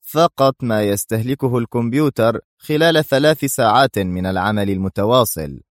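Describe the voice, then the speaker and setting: A man's voice: medium pitch, fairly quick, no room sound, studio quality, close to an everyday voice. A man reading a story, voicing a stern, gloating mercenary general who gets angry. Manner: firm, angry bursts.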